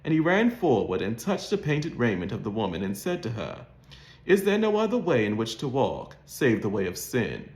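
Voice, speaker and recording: A man's voice: mid-range voice, wildly swooping pitch, moderate pace. A man with a modern Mid-Atlantic accent, reading in a formal, carefully enunciated, scripted literary style. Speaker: host of an accent practice channel. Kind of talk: scripted read-aloud of a literary short story. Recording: roomy, echoing sound.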